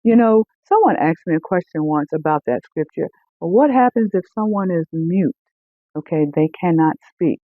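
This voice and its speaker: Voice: mid-range voice, lively intonation, dry recording. Preacher on a tinny line. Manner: repeats key phrases slowly for emphasis. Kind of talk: sermon-style teaching. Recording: tinny phone-like sound.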